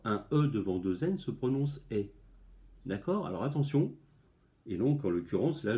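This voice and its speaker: A middle-aged primary school teacher with a French accent and a warm, lowish voice gives a spelling lesson to a class from home. He's chatty, full of fillers and restarts, and sounds words out loud as he explains.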